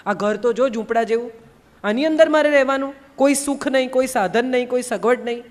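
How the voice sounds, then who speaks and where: Unhappy young bride complaining about her new home, told by a woman speaker in a high voice, hall reverb. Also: a little fast, darkish tone, natural voice.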